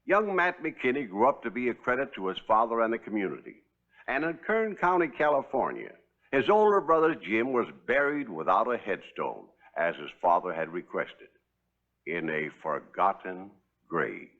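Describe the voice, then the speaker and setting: A man's voice: on the low side, big pitch swings, normal speed, fairly bright tone. A man with an American accent reading scripted narration as host of a western series. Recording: thin phone-like old TV soundtrack.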